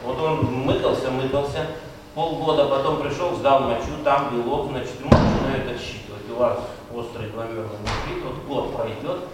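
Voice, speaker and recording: An older man lectures medical students at a university, wry and conversational, frequently throwing rhetorical questions at them. His mid-range voice is steady and moderately paced, picked up by a distant mic in a large, very echoey lecture room with loud noise.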